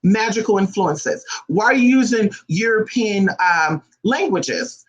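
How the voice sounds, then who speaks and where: High-voiced man ranting bluntly. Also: lively intonation, a little slow, a bit bright, muffled recording. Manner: blunt, profane and emphatic, with repeated rhetorical questions. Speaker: spiritual practitioner vlogger. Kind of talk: unscripted ranting monologue.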